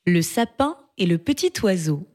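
A woman narrating a fable in an expressive storybook reading style. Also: on the low side, normal speed, heavy background noise. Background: background music.

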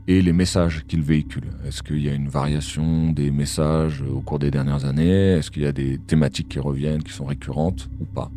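Man with an ultra-low voice-changer voice. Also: warm tone. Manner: measured explanatory talk with frequent hesitations. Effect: voice changer, disguised voice. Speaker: analyst guest. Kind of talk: podcast interview.

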